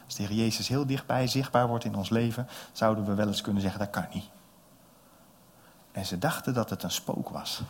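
Male preacher from the Netherlands, low husky voice, animated sermon with voiced-out scenes. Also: fairly quick. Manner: animated, acts out disciples' voices, swings from loud to soft.

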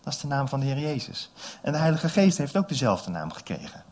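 A man from the Netherlands preaching a sermon, acting out the disciples' voices and swinging from loud calls to soft asides. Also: mid-range voice, very animated, a little fast.

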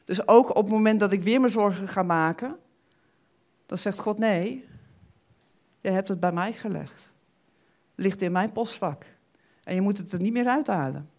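Animated woman preaching a sermon. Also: mid-range voice, moderate pace, long pauses. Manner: animated, repeats words, acts out quoted thoughts.

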